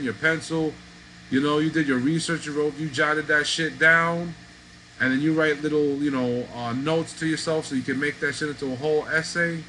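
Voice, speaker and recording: A middle-aged man hosting a podcast, talking in a loose, profane, animated street style. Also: fairly high pitch, slight background noise, rough recording. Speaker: podcast host. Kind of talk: casual monologue.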